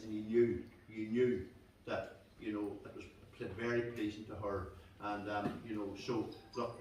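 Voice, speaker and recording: A man giving an emotional tribute speech at a club reception, effusive and full of repeated words. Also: lowish voice. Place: function room at a club reception. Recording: echoey room, distant mic, faint noise.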